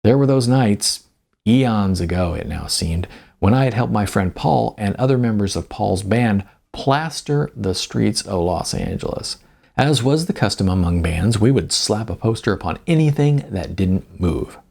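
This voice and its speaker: This man reads a scripted first-person tale of his own, his husky, gravelly delivery measured and emphatic. The voice is lowish and expressive, with a somewhat dark tone.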